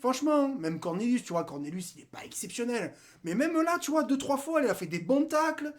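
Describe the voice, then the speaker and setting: A man's voice: extremely high pitch, very animated, fairly quick. A man giving a casual football debrief, talking animatedly in slang, speaking straight to players and viewers and mocking the rival side. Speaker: football fan commentator.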